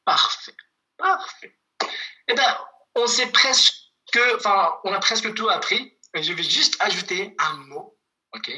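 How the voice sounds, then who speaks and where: Online language teacher, unhurried, piercingly bright timbre, patient repetition. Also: medium pitch, lively intonation, low-quality recording. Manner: patient, repeats words slowly for students. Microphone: video call.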